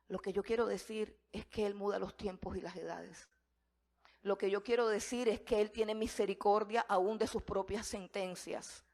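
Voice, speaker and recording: Woman preacher, mid-pitched, dramatic sermon delivery from hushed to loud. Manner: dramatic storytelling, swings between hushed and loud. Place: church hall.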